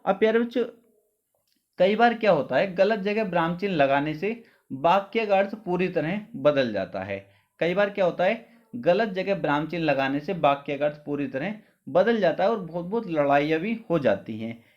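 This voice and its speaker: A man's voice: animated, moderate pace. Man teaching with repeated questions. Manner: asks questions and answers them himself, repeats "clear?"; drops his pitch to deliver answers. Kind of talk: exam-prep lesson. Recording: dull lo-fi sound.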